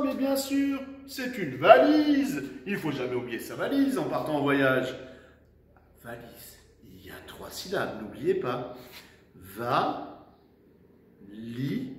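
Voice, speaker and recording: A man teaching young children a dictation lesson with an animated storytelling tone, spelling words out slowly syllable by syllable. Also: medium pitch, recorded from a distance. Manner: animated storytelling tone, personifying letters; slow, syllable by syllable. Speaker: primary school teacher. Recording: echoey room, voice from afar, faint noise.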